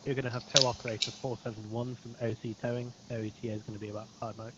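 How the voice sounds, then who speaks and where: A man working as police dispatcher over police radio, rattling off brisk call codes. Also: medium pitch, little pitch movement, lo-fi sound, very noisy. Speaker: police dispatcher in a roleplay game.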